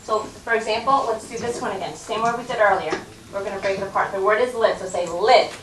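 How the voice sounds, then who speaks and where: An American woman teaching a first grade phonics lesson, patient and encouraging, stretching out words slowly for a child to repeat. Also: mid-range voice. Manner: patient, encouraging, slow drawn-out modeling of sounds. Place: classroom. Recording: echoey room, voice from some distance, noisy.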